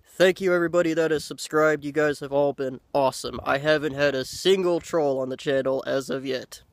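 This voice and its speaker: A man in his thirties chatting casually to the camera outdoors, unhurried and halting, with pauses. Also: a little high, steady tone, no echo. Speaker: pipe-smoking video blogger. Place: outdoors by a lake in woods. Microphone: handheld camera at arm's length.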